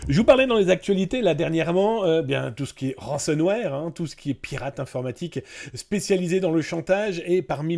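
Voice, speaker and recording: Gravelly chatty streamer, man. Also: sits high, dark tone. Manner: chatty, addresses viewers directly, many fillers and asides. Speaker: host of a cybersecurity news stream. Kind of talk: casual live-stream news commentary.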